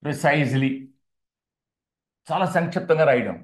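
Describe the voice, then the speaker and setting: A man's voice: fairly high pitch, expressive, measured pace. Echoey older man teaching English. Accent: Indian English. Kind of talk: exam-prep lecture.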